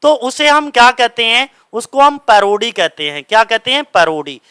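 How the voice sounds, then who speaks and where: High bright-voiced teacher quizzing. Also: male voice, big pitch swings, smooth, no echo. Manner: drills with repeated questions and answers; reads English slowly, explains in Hindi. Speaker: English literature teacher. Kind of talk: exam-prep lecture.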